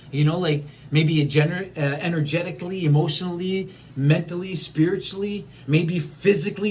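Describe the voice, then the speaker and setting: A man's voice: fairly high pitch, slight background noise. Rambling man musing on spiritual experience. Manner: rambling, many fillers and restarts. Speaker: spiritual vlogger. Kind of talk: casual spiritual monologue.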